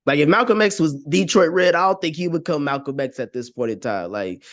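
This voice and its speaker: In a fairly high, animated voice, a man talks briskly as a podcast guest, giving his opinions in casual conversation. He's earnest and slangy, often tossing in "you know what I'm saying."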